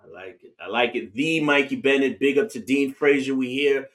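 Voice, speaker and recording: A man hosting a radio interview, affirming his guest and giving shout-outs between questions. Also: mid-range voice, moderate pace. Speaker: radio show host. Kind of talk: interview conversation.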